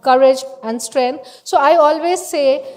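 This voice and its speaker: Middle-aged woman, high-pitched, emotional and halting, speaking in a large hall with long reverb. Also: darkish tone. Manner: halting, with many fillers and restarts. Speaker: award recipient giving a speech. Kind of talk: emotional acceptance speech.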